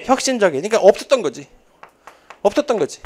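High-voiced male English test instructor in his thirties, animated and jokey, given to chatty tangents mid-lecture. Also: fast. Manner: joking, chatty, rambling asides. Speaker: TOEIC instructor. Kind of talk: lively classroom lecture. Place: lecture classroom.

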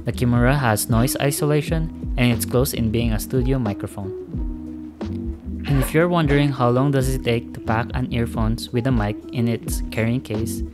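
A man's voice: medium pitch, moderate pace. A man narrating a casual product review, talking directly and in a friendly way to his viewers. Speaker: tech reviewer. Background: background music.

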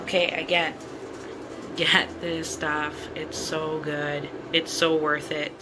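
Deep-voiced and slow, with a flat delivery, this adult woman shows off her freshly cleaned home bathroom in a casual, upbeat vlog where she repeats herself. She's a cleaning vlogger with a son. Music runs behind her voice, and the audio is poor.

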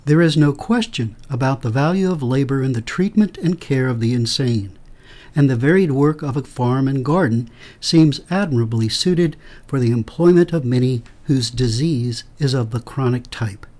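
Man doing a formal measured reading of old writings, middle pitch. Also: animated, a little mellow. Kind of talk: scripted reading of historical quotes.

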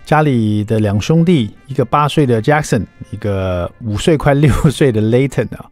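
A middle-aged man, hosting a radio talk show and telling family stories in an animated way. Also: mid-range voice, normal speed, faint music behind. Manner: animated, mimics voices while telling anecdotes. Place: radio studio. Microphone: studio microphone.

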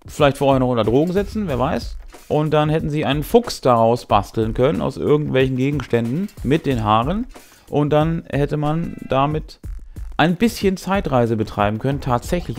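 A man in his forties hosts a tabletop gaming show, talking to camera about a tabletop role-playing game in a laid-back, wry, conversational way. His medium-pitched voice is a little mellow, with lively intonation at a moderate pace. He is in a small brick-walled game room indoors, with background music playing.

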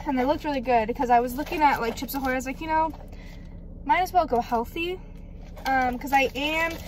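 Sitting high, her voice comes through with a little hiss or hum. The speaker is eighteen, chatting casually for a vlog from a parked car at night, phone camera held or propped close, poking fun at herself and swearing freely.

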